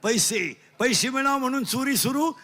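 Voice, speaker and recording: A Marathi preacher with a very high, bright, cutting voice. He delivers a comic sermon loudly, teases his listeners and quizzes them in call-and-response, dropping in broken English phrases. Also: moderate pace. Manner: loud, teasing, quizzes the crowd in call-and-response. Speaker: kirtan preacher.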